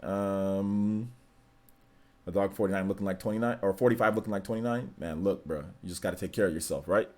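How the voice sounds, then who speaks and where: A man's voice: on the low side, darkish tone. A man in his forties hosting a livestream, chatting casually with viewers in a laid-back, rambling, slangy way. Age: 40s. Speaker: streamer host. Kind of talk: casual livestream chat reading viewer messages.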